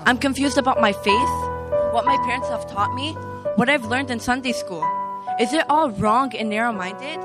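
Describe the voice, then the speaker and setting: A woman's voice: a little high, moderate pace, natural voice. A young woman acting a frightened believer in a church stage play, pleading anxiously and repeating words, with piano music behind. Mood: fearful, pleading. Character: frightened young woman doubting her faith.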